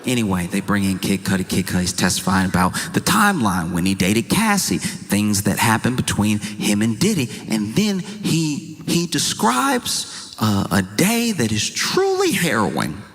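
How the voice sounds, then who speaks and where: Male comic, incredulous storyteller with jokey asides, bright voice in a reverberant hall. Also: on the low side, huge pitch swings, unhurried. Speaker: comedian. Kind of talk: stand-up comedy monologue.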